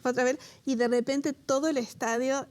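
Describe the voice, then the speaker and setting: Co-hosting a Bible study show, a woman from Latin America speaks in a high-pitched voice during a relaxed, conversational teaching. Animated and quick to laugh, she is moved to emotion by a personal story.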